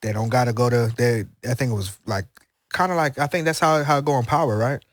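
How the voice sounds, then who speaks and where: A man's voice: mid-range voice, fast talker, no room sound, studio quality. A man co-hosting a casual podcast, talking in a loose, rambling, slangy way with many restarts. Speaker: podcast co-host.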